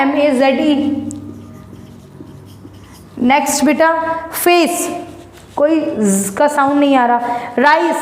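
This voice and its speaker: A high-voiced woman teacher talks young pupils through an English lesson, explaining in Hindi from a blackboard. She is patient and repetitive and spells words out letter by letter. Her voice rings in a roomy classroom with a long reverb tail. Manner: patient and repetitive, often calls pupils "beta". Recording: echoey room, long reverb.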